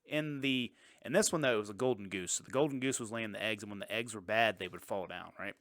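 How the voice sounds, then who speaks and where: A man co-hosting a podcast, casually recapping a film and dropping into quick silly impressions. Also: on the low side, a bit bright, no echo, clean studio sound. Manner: rambling, retells scenes with quick silly impressions. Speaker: podcast co-host. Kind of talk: casual movie recap chat.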